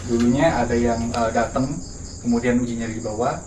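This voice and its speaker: A man's voice: medium pitch, little pitch movement, a little fast. A young man hosting a casual ghost-hunting vlog at night, asking questions and echoing his companions. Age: young adult. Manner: questioning, echoes what companions say. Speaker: vlog host. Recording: noisy night recording with insects. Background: crickets and insects.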